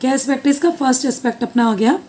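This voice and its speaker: A woman's voice: high voice, racing, warm tone. Woman teacher asking and answering herself. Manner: repeats questions to the class and answers them; mixes Hindi with English terms. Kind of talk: recorded lecture.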